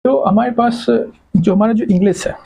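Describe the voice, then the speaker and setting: Gravelly, dark-voiced man teaching grammar. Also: sits high, normal speed, rough recording. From India. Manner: repeats words and quizzes students with questions. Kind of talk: classroom lecture.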